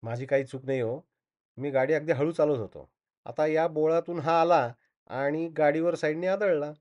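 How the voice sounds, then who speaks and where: A man's voice: on the high side, normal speed, a little mellow, close to an everyday voice. A man voicing a flustered truck driver who pleads that he is not at fault, in a slightly dull recording. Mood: pleading. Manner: pleading, earnest. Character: flustered male truck driver defending himself.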